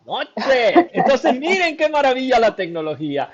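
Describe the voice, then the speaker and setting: A man hosts a casual interview over a video call. His voice sits high for a man, and he talks in an effusive, expressive way and laughs often. The sound is slightly dull and lo-fi. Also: a little slow. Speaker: interview host.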